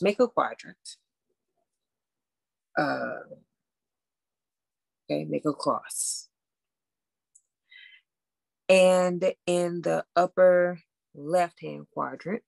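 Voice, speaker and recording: A woman coach leads a live masterclass over a video call, her voice low and heavily gravelly with a husky edge. She talks casually and upbeat, checking in with listeners again and again. The sound is dry and close. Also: takes it slowly, pauses often, a little mellow, dry recording. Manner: casual, upbeat, addresses listeners directly with frequent "okay?". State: out of breath after running upstairs. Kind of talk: live online masterclass teaching.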